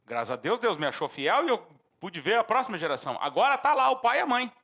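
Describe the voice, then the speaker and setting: Bright-voiced Brazilian pastor preaching. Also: male voice, high-pitched, fast talker. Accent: Brazilian Portuguese. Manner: preaching with animated outbursts and acted-out shouts. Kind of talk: sermon.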